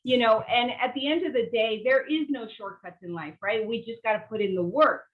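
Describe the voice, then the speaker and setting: A Venezuelan-born actress and producer, appearing as a guest in an interview, speaks warmly and chattily with hesitant fillers. Her voice is fairly high and a little fast, and the audio sounds muffled.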